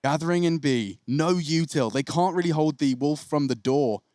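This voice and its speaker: A man's voice: on the high side, moderate pace, darkish tone, no room sound, studio quality. Male play-by-play caster, colourful calls. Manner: colourful idioms, calls the action. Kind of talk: play-by-play commentary.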